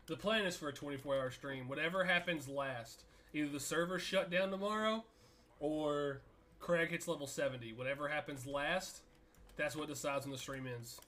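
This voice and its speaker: A man talking like a hyped gamer bro on a casual game stream, animated, exclaiming, slangy and profane. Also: fairly high pitch, moderate pace. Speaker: game livestreamer and podcaster. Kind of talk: casual gaming stream chat.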